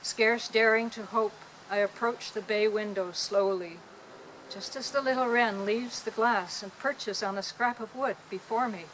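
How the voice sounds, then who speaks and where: A woman poet reciting her poems to a small audience in an outdoor park, with a gentle, lilting delivery. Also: fairly high pitch, fairly even intonation, measured pace, a little hiss or hum, low-quality recording.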